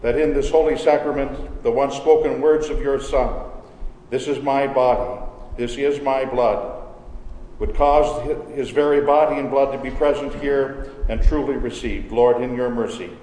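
A man leading a communion service as pastor, praying in a slow, measured, reverent way, his voice ringing with cathedral echo. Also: mid-range voice, steady tone, warm tone, a little hiss or hum. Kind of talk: solemn liturgical prayer. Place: large church sanctuary. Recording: echoey church hall with long reverb.

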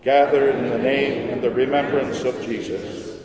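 A man's voice: medium pitch, flat delivery, a loud crowd. Solemn man praying in an echoing church. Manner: solemn, measured, formal. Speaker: pastor leading a church service. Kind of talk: liturgical prayer, reverent recitation. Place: large church, indoors. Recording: echoey church hall with long reverb.

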